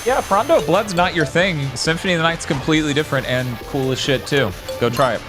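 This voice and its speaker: A man's voice: on the high side, fast talker, music in the background. A man bantering casually as a game streamer, joking and swearing freely.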